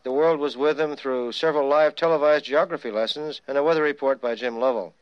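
A man's voice: medium pitch, a little fast, a little hiss or hum. A man reading a scripted documentary narration in a wry, storytelling manner. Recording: slightly dull sound, music behind.

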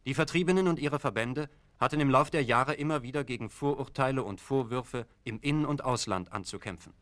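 A man's voice: medium pitch, a bit bright. Formal male documentary narrator. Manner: measured, formal delivery. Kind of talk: scripted narration.

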